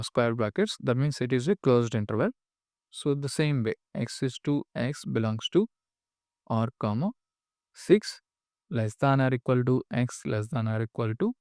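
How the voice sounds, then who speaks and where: A man teaching maths step by step, dictating symbols piece by piece with short pauses and methodically repeating questions and rules. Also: mid-range voice, a little mellow, no echo, studio quality. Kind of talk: step-by-step worked-solution lesson.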